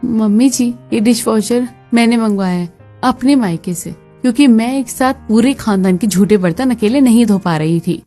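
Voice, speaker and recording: A woman's voice: a little high, moderate pace, warm tone, faint music behind, close to an everyday voice. A woman voicing a fed-up young wife in a cartoon, complaining emphatically.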